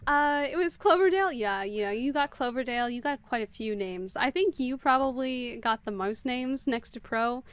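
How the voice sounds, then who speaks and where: A woman streaming a game live, talking extremely fast and chatting with viewers as she plays. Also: on the high side, expressive, clear, resonant tone. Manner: chatty, greets viewers by name. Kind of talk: live gameplay commentary.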